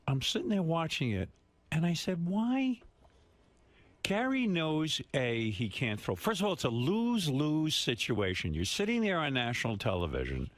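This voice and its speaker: A man's voice: medium pitch, dry recording. A man hosting a radio show, needling and mocking his co-worker in casual studio banter. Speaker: radio host.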